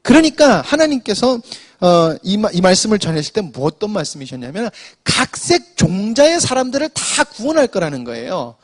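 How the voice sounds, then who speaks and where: A man's voice: high voice, sing-song, moderate pace, hardly any pauses. A man preaching an afternoon church sermon, explaining scripture to the congregation and often restarting with "so" to move on. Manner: explanatory, addresses congregation with frequent "자".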